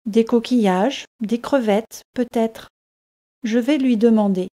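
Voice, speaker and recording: A woman's voice: on the high side, slow, dark tone. A woman voicing a cheerful Englishman visiting the French seaside, friendly and eager with his questions.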